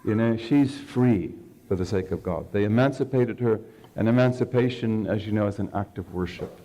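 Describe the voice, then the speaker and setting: A man's voice: on the low side, normal speed, mellow. A man giving a religious lecture, telling stories and checking in with the audience with a conversational "okay". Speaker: Islamic scholar lecturing.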